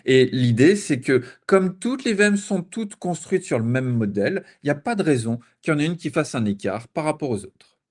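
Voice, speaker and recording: A man's voice: a little high, lively intonation, moderate pace, a little mellow. A man from France giving a technical conference talk with playful analogies, sometimes stumbling over repeated words. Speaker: conference speaker.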